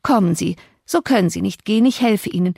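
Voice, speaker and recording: A woman voicing a stout middle-aged housekeeper who scolds loudly and fusses briskly. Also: mid-range voice, vocal fry, breathy edge, no echo, clean studio sound. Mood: scolding. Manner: scolding, then briskly helpful.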